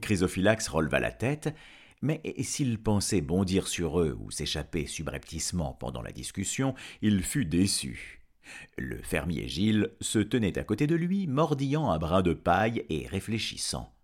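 Deep-voiced man narrating a storybook. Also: moderate pace. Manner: expressive, lively storytelling. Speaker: audiobook reader.

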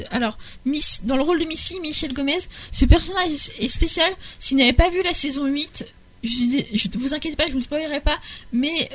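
A young woman presenting a podcast segment in casual chat, hesitant, with many restarts and fillers. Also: sits high. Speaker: podcast columnist.

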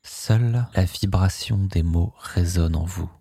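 Deep breathy guy talking you into sleep hypnosis, super slow and hushed, dark mellow tone, dry close sound. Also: no echo. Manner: slow, soothing, hushed delivery.

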